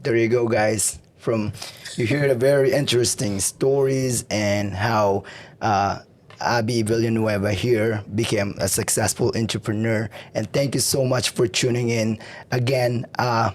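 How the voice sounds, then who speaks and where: Hoarse man hosting a casual podcast. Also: lowish voice, unhurried. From Filipino community. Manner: relaxed, fills with "like" and "right?". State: hoarse, recovering from a lost voice. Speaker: podcast host. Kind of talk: casual interview.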